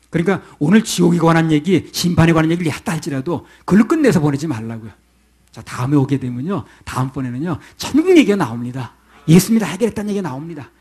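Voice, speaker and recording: Male pastor, middle-aged, rapid conversational sermon delivery with a slightly raised pitch. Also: darkish tone, breathy edge. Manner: conversational preaching, asks the congregation questions.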